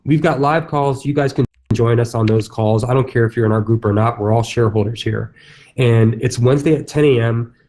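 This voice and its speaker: This is a conference stage talk by a man in real estate, delivered casually with fillers and restarts. His mid-range voice has a darkish tone and moves fairly quickly.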